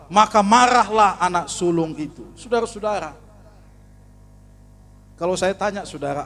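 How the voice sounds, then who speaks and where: A man preaching a sermon in church, animated, rising to near-shouts and acting out little scenes. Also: fairly high pitch. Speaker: pastor. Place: church hall.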